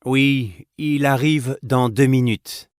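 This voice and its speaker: A man reading short scripted lines for a language exam in a slow, careful, plain delivery. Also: mid-range voice, steady tone, dry recording, studio quality. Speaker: voice actor in exam dialogue.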